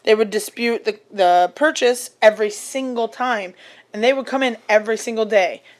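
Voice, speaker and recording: A woman's voice: on the high side, normal speed. A woman hosting a podcast, telling stories in casual chat, swearing and laughing along the way. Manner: chatty storytelling with swearing and laughs. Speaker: podcast host.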